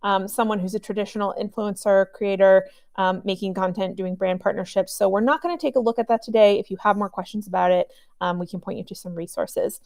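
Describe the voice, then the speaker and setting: A woman hosting a live software training webinar, chatty and upbeat, with a cough drop in her mouth. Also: mid-range voice, a little fast, few pauses, dry recording, studio quality. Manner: chatty, upbeat, friendly with filler ums.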